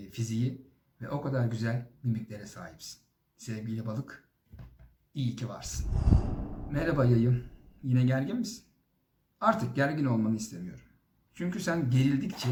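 A man's voice: medium pitch, a little mellow, roomy sound. A young man doing a comic monologue to the zodiac signs, teasing and exaggeratedly sweet, with sudden swearing outbursts. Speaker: comedy vlogger.

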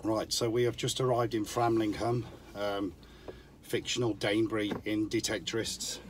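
A middle-aged man with a low voice, hoarse and losing it to a cold, films a walking tour of filming locations on small-town streets with his phone. He's chatty and rambling with frequent ums, speaks at a moderate pace with little pitch movement, and a little hiss or hum is audible.

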